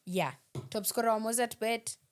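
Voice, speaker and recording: A woman's voice: fairly high pitch, normal speed. A woman with a Kenyan accent co-hosting a football podcast in casual sports chat, switching between English and Swahili.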